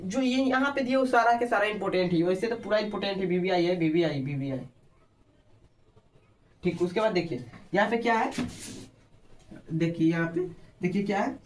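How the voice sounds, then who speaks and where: A man's voice: high voice, a little hiss or hum. A man with a Bihari Hindi accent teaching an exam-prep lesson. He keeps asking short questions and repeating the answers for his students. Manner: repeats answers, quizzes listeners.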